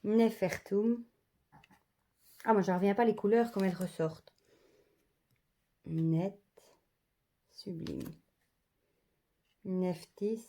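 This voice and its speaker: A woman's voice: medium pitch, fairly even intonation, takes it slowly, long pauses, warm tone. A woman showing off an oracle card deck in a casual vlog, murmuring each card's name in an admiring voice that often drops to a half-whisper.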